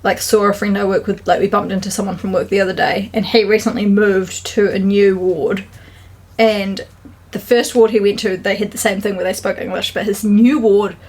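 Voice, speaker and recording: A woman's voice: mid-range voice, little pitch movement, moderate pace, a little mellow, husky. A woman from New Zealand co-hosting a vlog, chatty with many fillers and frequent laughs, out walking by a river. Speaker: vlog co-host. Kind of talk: casual chat.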